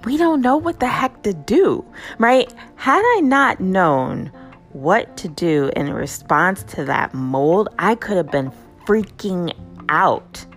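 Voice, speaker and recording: A woman hosting a casual motivational talk, conversational and lively, often checking in with "right?". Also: medium pitch, slow, faint music behind. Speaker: host.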